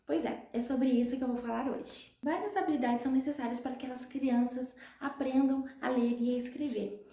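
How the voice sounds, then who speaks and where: High-voiced Brazilian woman explaining patiently. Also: steady tone, moderate pace, mellow, reverberant. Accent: Brazilian Portuguese. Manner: clear, patient, step-by-step explaining. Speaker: literacy educator. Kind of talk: explanatory talk to parents.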